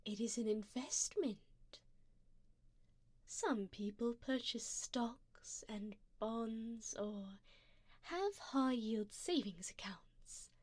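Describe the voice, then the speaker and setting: A woman voices a doting, possessive, rich female vampire sugar mommy in close-up binaural 3Dio ASMR roleplay, elegant and persuasive as she quietly claims the listener. Soft, breathy, and fairly high, she sinks toward whispers and draws out her formal, coaxing commands with lively intonation. The exaggerated performance is dry, with no room sound, right at the ear.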